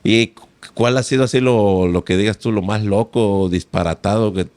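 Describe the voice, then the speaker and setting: A man's voice: fairly low pitch, steady tone, normal speed, a little mellow, no room sound. A man hosting a casual podcast interview, telling rambling anecdotes and tagging his sentences with little questions. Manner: chatty, rambling anecdotes with frequent tag questions. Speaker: podcast host.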